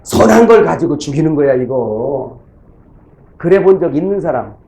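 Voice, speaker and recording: A man's voice: a little high, animated, moderate pace, dark tone, low-quality recording. Folksy middle-aged male pastor preaching. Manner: folksy storytelling sermon, acting out church members' voices. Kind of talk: sermon.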